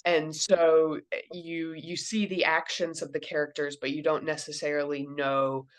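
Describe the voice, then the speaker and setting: Woman, 30s, from Kentucky, low-pitched author answering thoughtfully for a young interviewer. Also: little pitch movement, moderate pace. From Kentucky, USA. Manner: thoughtful, explains things simply to a child. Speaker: children's book author.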